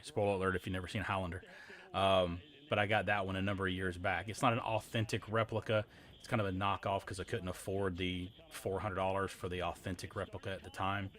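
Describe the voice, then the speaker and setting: Male livestreamer, lower-pitched, casual and halting, drifting from aside to aside. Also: a bit bright. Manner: rambling, halting. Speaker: live streamer.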